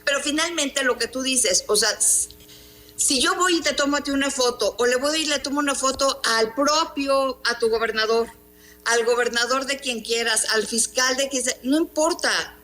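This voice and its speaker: A woman's voice: high-pitched, normal speed, pushed and bright. A middle-aged woman journalist with a Mexican accent, giving an emphatic, indignant interview and asking rhetorical questions. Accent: Mexican Spanish. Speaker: journalist and columnist. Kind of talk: interview on news program.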